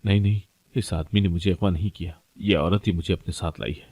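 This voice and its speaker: A man's voice: deep voice, fairly even intonation, a little mellow, breathy edge, no echo. A man reading as a lying young boy. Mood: pleading.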